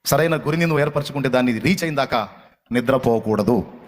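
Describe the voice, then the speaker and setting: A man preaching a fiery sermon, scolding his listeners harshly with rapid, repeated rebukes. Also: mid-range voice, long reverb tail, background noise.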